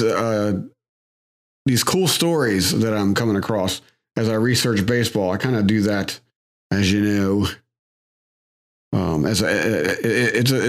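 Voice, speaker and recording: A man talks through a casual podcast monologue with a mid-range voice. He sounds chatty and wry, laughs often, and leans on fillers as he goes. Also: medium pitch. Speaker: podcast host.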